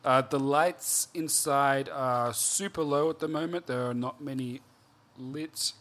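Slow-talking game master man. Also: medium pitch, fairly bright tone. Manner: hesitant, many fillers. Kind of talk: narrating a tabletop game.

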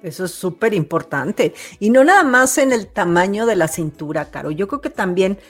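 Chatty lady hosting, lively, faint music under it. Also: mid-range voice, moderate pace. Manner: chatty, lively, asks long questions. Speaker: interview host. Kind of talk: casual interview talk.

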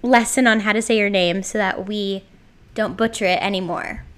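A woman hosting a casual chat over a video call, bubbly and quick to giggle. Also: medium pitch, steady tone. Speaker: podcast host.

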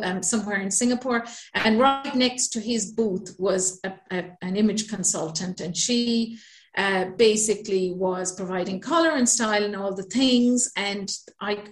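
Irish woman, podcast guest, mid pitch, echoey room, chatty storytelling. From Ireland. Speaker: guest, business mentor. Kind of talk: podcast interview.

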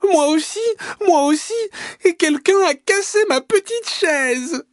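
A man voicing a tiny, excitable bear cub in a children's story, crying out in a small squeaky voice. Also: takes it slowly, no echo, clean studio sound, exaggerated voice. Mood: shrill, excited.

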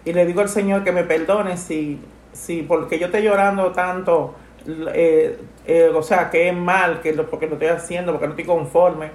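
A middle-aged woman, talking softly and haltingly about her late mother, full of grief. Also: on the low side, fairly even intonation, echoey room. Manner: grieving, soft and halting, with many restarts. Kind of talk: emotional personal conversation.

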